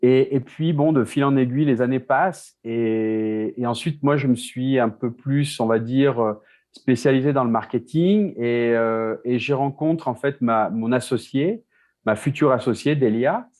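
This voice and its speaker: A man from France speaks as a guest in a relaxed interview, his voice sitting at an ordinary middle pitch. He stops and restarts often, repeating small words as he searches for the next phrase. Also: unhurried. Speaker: guest, beer business co-founder. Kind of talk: casual interview talk. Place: Mexico City.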